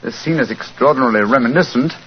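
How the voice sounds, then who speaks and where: An actor playing an astute, courteous English detective with a British accent in 1940s radio style. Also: male voice, medium pitch, fast talker, natural voice. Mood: thoughtful, inquiring. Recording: muffled, noisy 1940s radio recording.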